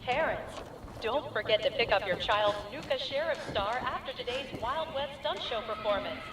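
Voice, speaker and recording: A woman voicing a cheerful amusement park announcer whose polite announcements come over an outdoor loudspeaker. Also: fairly high pitch, animated, moderate pace, a crowd in the background. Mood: announcing. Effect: outdoor public address loudspeaker. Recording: echoey loudspeaker from far off, noisy.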